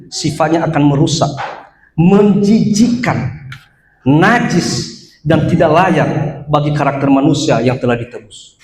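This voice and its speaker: A male pastor preaching a sermon at a church service, animated, moving from loud exhortation to quiet asides. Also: a little high. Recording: echoey church hall.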